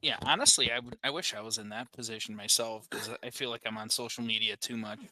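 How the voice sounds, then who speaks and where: Bright-voiced man thinking out loud, relaxed podcast chat, dry sound. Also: lowish voice, quick pace, no room sound, low-quality recording. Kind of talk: casual chat.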